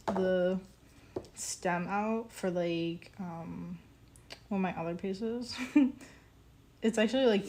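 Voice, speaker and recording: A woman streaming her pottery work, chatting casually in a halting way, full of fillers and small laughs. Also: mid-range voice, creaky, a little mellow. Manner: halting, many ums and likes, laughs easily. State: hiccuping. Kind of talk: casual live-stream chat while working.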